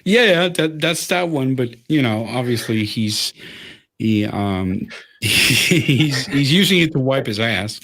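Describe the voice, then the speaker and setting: Rambling, foul-mouthed host. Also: male voice, medium pitch, expressive, slow, a bit bright. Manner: rambling, profane ranting. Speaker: livestream host. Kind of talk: casual livestream chat.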